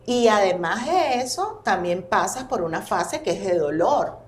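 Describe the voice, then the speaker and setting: A woman who works as a family constellations therapist appears as a guest on a casual podcast, telling stories in an expressive, animated way. Her voice is mid-range and her pace measured, with roomy echo in the recording.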